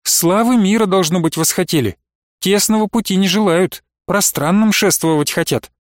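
In a dry, clean studio recording, a man voices a grieving, pious old nun, pitching his high voice above his natural range with light acting at a moderate pace. She mournfully laments and pleads tearfully in a sing-song way.

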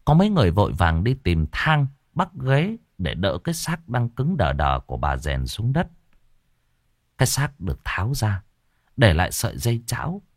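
A man narrating a ghost story in a dramatic, expressive way. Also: on the low side, moderate pace, no echo, studio quality.

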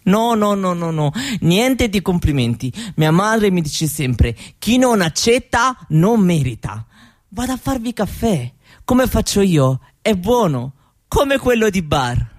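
An actress performs a conversational theatrical monologue drawn from interviews, playing a proud, cheerful Roma mother from Romania who chats hospitably with an Eastern European accent, broken grammar, and rhetorical tags. Her voice is fairly low, very animated, and slow, and her mood is earnest and hospitable.

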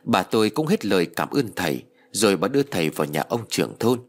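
Husky, expressive male storyteller. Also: fairly low pitch, quick pace. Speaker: narrator. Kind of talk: storytelling narration of a ghost story.

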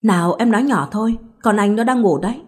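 Woman narrator reading doting young husband, soft coaxing storybook voice. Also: medium pitch, fast talker, husky, natural voice. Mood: hushing.

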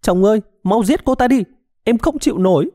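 A man's voice: high-pitched, animated, a little fast, dark tone, pitched above the performer's own voice. A man voicing an unstable, desperate wife who screams her lines in a storybook reading. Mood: screaming.

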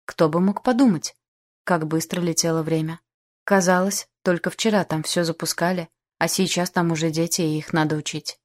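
A woman narrating an audiobook in the first person, with calm, even storytelling. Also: on the low side, moderate pace.

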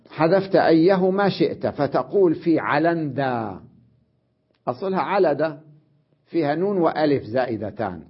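A man's voice: fairly high pitch, slightly rough. A male scholar giving a classroom grammar lesson, explaining step by step and often checking that students follow. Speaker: Islamic scholar teaching grammar. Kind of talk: classroom lesson on Arabic morphology. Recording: dull lo-fi recording.

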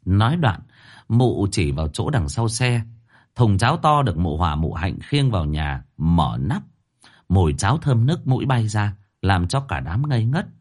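A man narrating a ghost story audiobook in a lively, colloquial way. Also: fairly low pitch.

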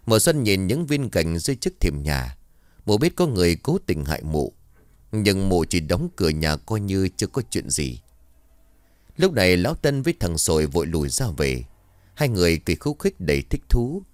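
A man narrating a village story with a lively, expressive delivery. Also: low-pitched, dry recording, studio quality.

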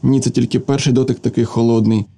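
A man voicing a feverish, distraught young woman who was abandoned, speaking softly and half-whispered. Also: mid-range voice, flat delivery, fast talker, natural voice. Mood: feverish, dreamy. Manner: soft, breathless, half-whispered.

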